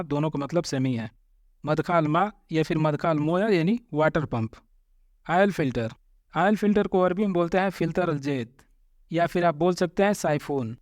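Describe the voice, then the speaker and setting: Man teaching vocabulary, repeating words slowly. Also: on the high side, no echo, studio quality. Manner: repeats each word slowly, explaining. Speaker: Arabic teacher. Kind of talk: vocabulary lesson.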